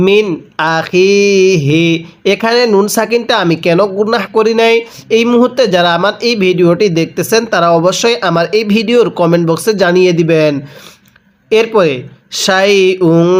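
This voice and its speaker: A man with a Bangladeshi Bengali accent teaching a step-by-step Quran recitation lesson, spelling out letters and rules, asking how to read each word, then chanting it slowly. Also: sits high. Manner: asks rhetorical questions before each reading.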